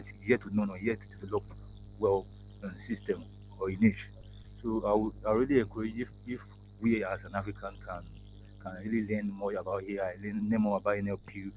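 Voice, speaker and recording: A man with a voice on the low side halts his way through a casual interview, full of restarts and fillers. He's an AI engineer guest whose first language is Yoruba, speaking from an indoor office room over a video call, with noisy audio from his laptop mic.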